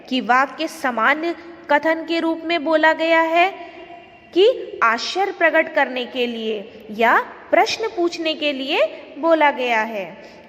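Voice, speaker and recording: A woman's voice: high-pitched, a bit bright, in a large hall. A woman teacher giving an online grammar lesson, explaining step by step and asking the class questions.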